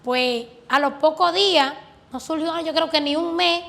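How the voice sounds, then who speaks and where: A woman's voice: high-pitched, a little slow, gravelly, fairly bright tone. A woman earnestly telling her religious testimony as a guest, recounting prayers and answers with fervent conviction. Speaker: guest giving a faith testimony.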